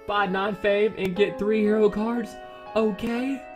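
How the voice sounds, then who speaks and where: A man commentating his own game play as a YouTuber, excitable, pleading and quickly exasperated over his luck. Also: high voice, music in the background. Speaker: gaming YouTuber.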